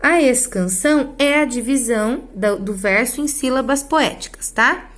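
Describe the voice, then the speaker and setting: A woman's voice: on the high side, expressive, measured pace, a bit bright. A woman teacher explains a lesson step by step, often checking in with her students. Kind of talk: online class lesson.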